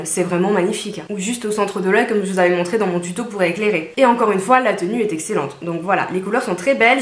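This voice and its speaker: A woman's voice: medium pitch, roomy sound. A woman reviewing beauty products in a chatty, casual vlog from her home, with frequent fillers and asides. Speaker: beauty vlogger.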